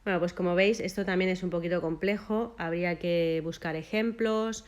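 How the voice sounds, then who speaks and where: Measured woman teaching. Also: lowish voice, steady tone. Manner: measured, lists terms one by one with short pauses. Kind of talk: explanatory lesson.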